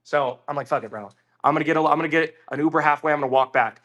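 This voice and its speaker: A man's voice: a little high, rapid-fire. A man telling a long casual story on a podcast, swearing freely and acting out what other people said. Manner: animated, swearing, acts out quoted voices. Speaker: podcast guest.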